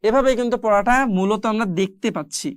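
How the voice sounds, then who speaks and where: A woman teaching the rules of Quran recitation, explaining each step patiently with questions to the listener and stretching out the example sounds slowly. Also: mid-range voice, smooth, no echo, clean studio sound. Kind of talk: tajweed lesson with slow, drawn-out recitation examples.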